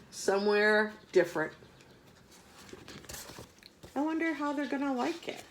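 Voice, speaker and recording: A woman's voice: fairly high pitch, rough recording. A woman reading a picture book aloud to young children, adding chatty asides to the children. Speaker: storybook reader.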